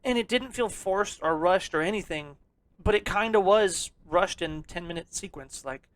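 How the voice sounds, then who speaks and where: At a moderate pace, an excitable podcast co-host rambles and swears freely in casual chat. The voice sits mid-pitch, close and dry, with no echo or room sound.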